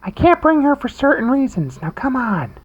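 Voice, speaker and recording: A woman's voice: sits high, sing-song, normal speed, breathy edge, exaggerated voice. A woman voicing a bossy young woman who urgently leads her friends. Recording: dull lo-fi recording.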